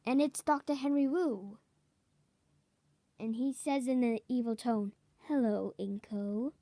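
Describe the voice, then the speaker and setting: A woman improvising a fan story out loud, halting and correcting herself as she goes. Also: high voice, no room sound. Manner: halting, self-correcting, clears throat.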